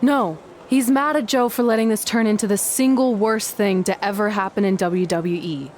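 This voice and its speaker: A woman's voice: mid-range voice, normal speed, darkish tone, slight background noise, close to an everyday voice. An actress playing a blunt, sarcastic young female wrestler in a video game, dry and matter-of-fact.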